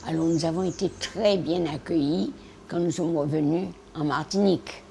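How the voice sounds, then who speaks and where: A gravelly, low-pitched voice of a woman of 100. She talks in halting, repetitive bursts, stumbling over words, then lands her points with defiant emphasis. A faint hiss sits behind her. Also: dark tone. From French Guiana. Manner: emphatic, with sound effects and defiant exclamations. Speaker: interviewee, war veteran and retired teacher. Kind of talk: spoken war memories in an interview.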